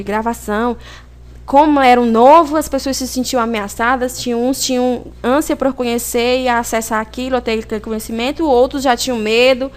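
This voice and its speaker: A high-voiced woman with a Brazilian Portuguese accent gives an informal recorded video lesson. She teaches casually, asking questions and answering them herself, and keeps tossing in small tag questions to make sure listeners are following.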